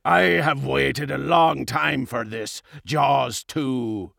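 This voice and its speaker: A man voicing a huge, cruel, bullying fish king in an audiobook, with a gravelly bellow and a slow, menacing, gloating delivery. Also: a little high, animated, bright, forceful tone, no echo, clean studio sound, heavily acted. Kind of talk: audiobook character voice.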